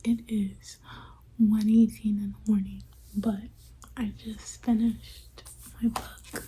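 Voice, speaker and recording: A woman's voice: medium pitch, little pitch movement, slow pace, mellow, a little hiss or hum, poor audio. A woman in her twenties whispering a late-night vlog check-in, chatty and loose, her speech a little off from a retainer. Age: 20s. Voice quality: slightly off speech from a dental retainer. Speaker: book vlogger.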